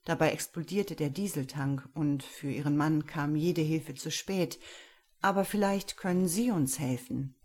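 A woman reading the lines of a calm, businesslike male police commissioner in a crime story. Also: low-pitched, unhurried. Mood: firm.

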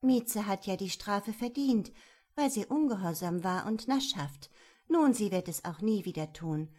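A woman reading a storybook, voicing a kindly mother who speaks softly to comfort her child. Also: medium pitch, lively intonation, measured pace. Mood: gentle comforting. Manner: soft, soothing. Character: gentle, kindly mother of a little girl.

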